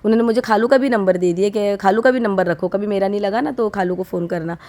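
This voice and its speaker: An unwell woman in her thirties talks to her vlog audience from home. Her voice is dark and mellow, held at a middling pitch. She chats on in a heartfelt, confiding way. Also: fast talker. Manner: chatty and heartfelt, speaks straight to viewers. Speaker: vlogger. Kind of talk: casual vlog talk to viewers.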